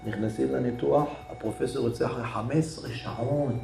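A man delivering a storytelling sermon as a religious teacher, swinging from loud dramatic outbursts to hushed whispers. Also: mid-range voice, fairly even intonation, creaky. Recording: echoey room with faint music.

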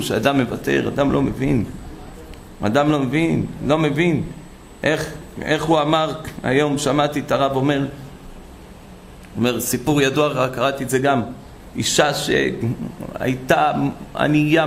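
A man preaching a sermon full of stories, animated and acting out the voices of the people in them. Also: on the high side, creaky, a little hiss or hum. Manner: animated, acts out quoted voices. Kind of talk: sermon with storytelling.

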